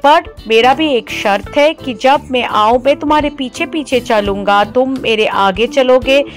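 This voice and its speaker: A woman voicing a calm male god who makes a promise and firmly sets out his conditions. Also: high-pitched, a little slow, faint music behind. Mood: solemn.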